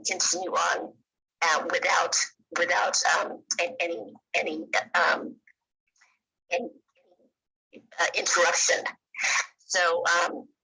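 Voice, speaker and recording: A woman's voice: fairly low pitch, pushed and bright, husky, low-quality recording. A woman chairing a volunteer committee, speaking hesitantly in an online meeting over a bad connection relayed through another caller's phone. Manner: hesitant, halting, many pauses and fillers. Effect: bad connection, relayed through another caller's phone and laptop. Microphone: video call.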